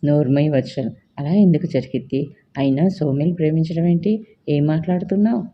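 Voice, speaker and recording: A storyteller voicing a stern middle-aged mother who scolds her son with sharp questions. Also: medium pitch, fairly quick, muffled recording, close to an everyday voice. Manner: demanding, reproachful questions.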